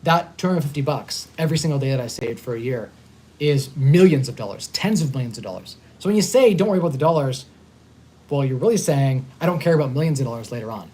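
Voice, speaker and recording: A man in his thirties hosting a casual live stream, upbeat and talking in quick bursts with frequent restarts. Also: mid-range voice, expressive, a little mellow, breathy edge. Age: 30s. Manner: fast-talking, upbeat, repeats and restarts words. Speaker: host. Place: hotel.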